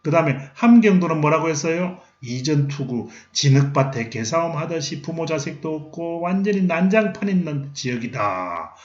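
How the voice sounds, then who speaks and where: A man's voice: fairly high pitch, expressive, normal speed, hardly any pauses. A middle-aged man giving a recorded history lecture, asking questions and then answering them himself. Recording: roomy, slightly dull lecture recording.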